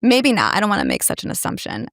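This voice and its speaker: A woman speaks as a podcast guest, earnest and careful, softening what she says with fillers. Her pitch sits in a middle range for a woman, recorded dry and close in a studio. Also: huge pitch swings, quick pace, dry recording. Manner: earnest, hedging with filler words. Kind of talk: casual chat.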